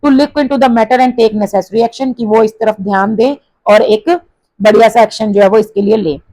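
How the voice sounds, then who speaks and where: Hindi-speaking woman teacher, higher voice. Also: fairly even intonation, warm tone, dry recording, rough recording. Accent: Indian English. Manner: mixes Hindi and English, reads sentences aloud slowly with stress. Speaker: English teacher. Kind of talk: explaining a textbook exercise to students.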